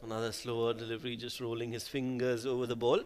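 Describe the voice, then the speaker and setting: A man commentates live on cricket over a faintly noisy background. His pitch is average for a man, and he talks conversationally, as if chatting with a partner in commentary. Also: completely flat delivery, fast.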